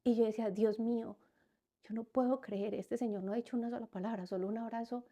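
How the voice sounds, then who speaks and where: Mellow-voiced woman telling her story. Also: fairly high pitch, steady tone, fast talker. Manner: repeats words and phrases as she recounts events; acts out quoted speech within her story. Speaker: podcast guest. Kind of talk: personal storytelling in a podcast conversation.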